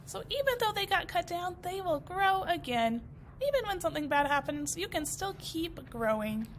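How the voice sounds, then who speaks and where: A woman teacher reading a picture book aloud to first graders, expressive and encouraging, asking them questions as she goes. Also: extremely high pitch, moderate pace, a little hiss or hum.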